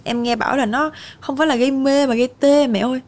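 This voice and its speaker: A young woman speaks as a podcast guest. Her voice sits a little high, and she talks candidly and chattily, laughing easily. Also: fairly even intonation, quick pace. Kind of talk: casual interview chat.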